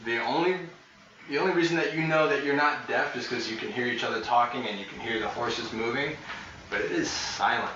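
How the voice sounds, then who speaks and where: A man's voice: mid-range voice, fairly quick. A man running a tabletop game as game master, narrating in a laid-back, joking way. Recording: echoey room, distant mic, dull sound, noisy.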